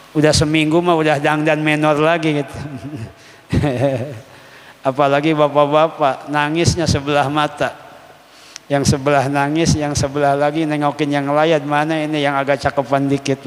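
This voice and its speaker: Joking Islamic teacher in an echoing hall. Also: male voice, on the high side, level tone. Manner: humorous, chanting Arabic text slowly then explaining casually. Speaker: religious teacher. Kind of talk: kitab study lecture. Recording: long reverb of a hall.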